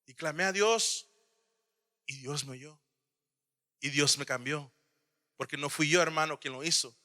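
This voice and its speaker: Man, preacher, sermon, calls listeners brother, loud then hushed, high voice, long hall reverb. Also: a little slow. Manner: addresses listeners as "hermano", swings from loud to hushed.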